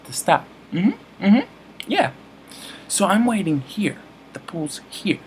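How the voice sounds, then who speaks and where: A man's voice: high voice, huge pitch swings, slow, a little hiss or hum. A man telling a story to camera in a comic vlog, rambling, mock-serious and constantly correcting himself. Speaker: comedy vlogger.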